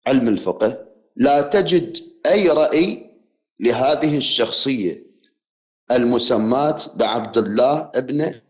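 A man calling in to a debate show, speaking in a measured, formal way and insisting on finishing his point. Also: medium pitch, expressive, highs cut off. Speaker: caller. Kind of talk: religious debate by phone.

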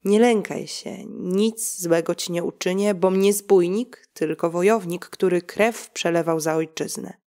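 A towering armored knight with wings speaks in a storybook reading, noble and unhurried, as a woman reader puts him on. The voice sits on the low side and stays measured and grave. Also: mellow, close to an everyday voice. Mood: solemn. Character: giant winged armored male knight, noble.

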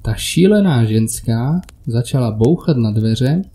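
Male narrator, first-person horror reading, very dark mellow tone, measured pace. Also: mid-range voice, expressive.

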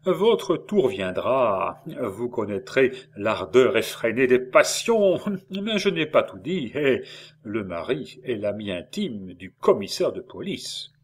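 A man voicing a boisterous, scheming middle-aged traveling salesman who talks loud, theatrical and jovial, in an audiobook reading. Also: mid-range voice, very animated, slow, breathy edge, exaggerated voice. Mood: boisterous, wheedling.

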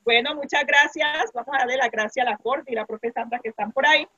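A woman's voice: high voice, brisk, bright, forceful tone, breathy edge, dry recording. A woman with a Colombian accent, a primary school teacher running an online class, chatty and fond of diminutives. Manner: chatty, uses diminutives, restarts often. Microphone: video call. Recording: dull, dry video-call audio.

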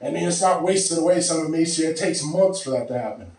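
A winded man in his thirties talks to the camera between sets, rambling and often clearing his throat. His fairly high voice comes from across a bare, very echoey room. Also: quick pace, darkish tone, distant mic. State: out of breath. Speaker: fitness vlogger. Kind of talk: casual talk to camera. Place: small home gym room. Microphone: far camera.

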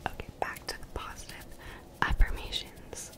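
A woman's voice: normal speed, low-quality recording. A young woman whispers soothing, repetitive, encouraging ASMR affirmations close to the microphone. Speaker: ASMR video creator. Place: small bedroom, indoors. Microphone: desktop condenser mic, very close.

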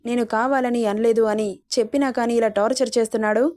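A woman's voice: fairly high pitch, steady tone, quick pace, a little mellow, lightly acted. A woman voicing a hurt, weary young college woman thinking aloud, in her own reading voice. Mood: bewildered. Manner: bewildered, tired inner voice.

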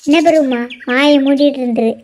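A woman voicing a sharp-tongued, bossy village woman in a cartoon who snaps rudely at the others. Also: high-pitched, normal speed, a little hiss or hum, natural voice. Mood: snapping. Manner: rude and snapping.

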